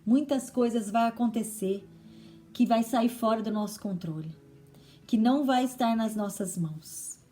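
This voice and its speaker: A woman's voice: fairly high pitch, moderate pace, dark tone, soft background music. A woman with a Brazilian Portuguese accent giving a conversational sermon to mothers, often checking in with her listeners. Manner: chatty teaching tone with frequent tag questions. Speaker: women's ministry preacher.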